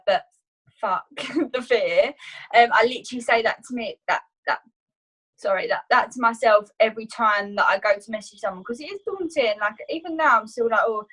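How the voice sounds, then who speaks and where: A woman guest trainer talks through her daily routine on a video call, in a casual, chatty way full of fillers and false starts. Her voice sits a little high. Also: fairly bright tone, poor audio. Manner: chatty, many fillers and restarts. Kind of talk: casual online training talk.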